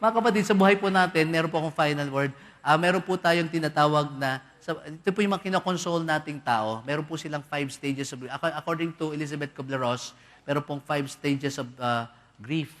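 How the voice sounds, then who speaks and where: A priest preaches to a congregation at a mission in a big cathedral, his voice pitched a little high. He acts out the voices he quotes and jokes with the crowd. A long reverb from the hall trails every phrase. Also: a little fast, fairly bright tone. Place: large cathedral.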